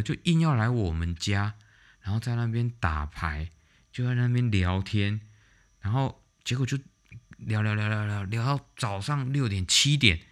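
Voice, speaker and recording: A man hosting a vlog, telling stories in a casual monologue in a blunt, animated way with mild swearing. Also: on the low side. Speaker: vlog host.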